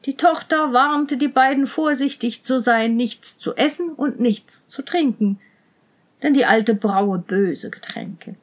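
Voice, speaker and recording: A woman reading a fairy tale aloud in a measured, gentle manner. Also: high voice. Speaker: storyteller.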